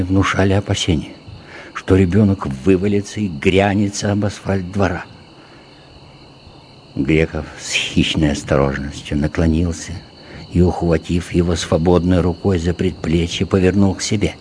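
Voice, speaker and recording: A man calmly reading a literary story aloud as narrator, in a measured storytelling manner. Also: deep voice, slight background noise. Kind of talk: audiobook reading of literary prose. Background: background music.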